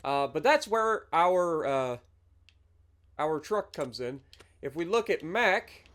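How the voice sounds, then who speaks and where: A gaming YouTuber with a stuffy, nasal voice gives easygoing let's-play commentary over his farming game, thinking aloud with fillers. His pitch is fairly high and he's very animated, yet he takes it slowly, with a slightly bright tone.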